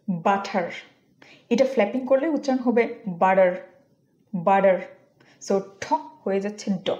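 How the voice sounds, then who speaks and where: A woman with a Bangladeshi accent teaches English pronunciation in a soft, warm voice. She explains in a steady tone, then says each English word and sentence again slowly so it can be copied. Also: a little high, dull audio. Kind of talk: YouTube pronunciation lesson.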